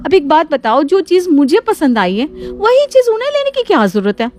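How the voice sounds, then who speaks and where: A woman's voice: high-pitched, fairly even intonation, fairly quick, slight background noise, close to an everyday voice. A woman doing a resentful younger daughter-in-law. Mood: complaining. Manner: aggrieved and complaining. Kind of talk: cartoon story voice acting.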